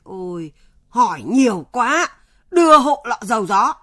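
A sharp-tongued old grandmother. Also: fairly high pitch, sing-song, a little slow, no echo, studio quality, exaggerated voice. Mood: scolding. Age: older. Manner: scolding, curt, fussy. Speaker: radio drama actor. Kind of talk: radio drama acting.

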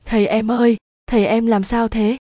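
A woman's voice: a little high, little pitch movement, normal speed, mellow, dry recording, clean studio sound, lightly acted. A woman reading a falsely tearful young wife. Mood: wailing. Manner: honeyed, wailing.

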